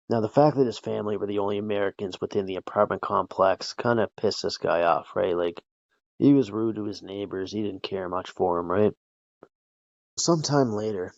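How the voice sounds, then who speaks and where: A man's voice: on the low side, dry recording, highs cut off. A man hosting a podcast, recounting a true-crime case in a loose, profane, conversational way, often tossing in "right?" and "like". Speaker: podcast host. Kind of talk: casual true-crime storytelling.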